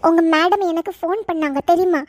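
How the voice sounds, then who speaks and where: Brief: a woman as a cross middle-aged mom scolding her daughter on a call, very high voice. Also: fairly quick. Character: stern middle-aged mother on the phone, angry. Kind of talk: comedy sketch acting.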